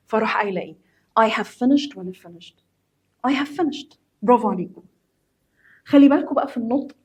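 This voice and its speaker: With a mellow, slightly rough mid-range voice, an Egyptian-accented English teacher walks students through a grammar lesson. She speaks to them directly, drives key points home through repetition, and drops English terms into what she says.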